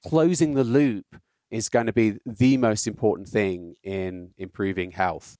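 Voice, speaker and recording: A British man, a guest on a podcast, explaining health data tools in a casual, explanatory way, often checking in with a quick "right?". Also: fairly low pitch, steady tone, darkish tone, dry recording. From Britain. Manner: explanatory, builds points with rhetorical "right?".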